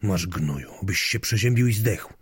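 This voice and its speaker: A man's voice: deep voice, lively intonation, normal speed, breathy edge, dry recording, full character voice. A man voicing a grumpy, cursing grandmother in an audiobook story, snapping and muttering. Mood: spiteful. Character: grumpy foul-mouthed grandmother obsessed with a mole.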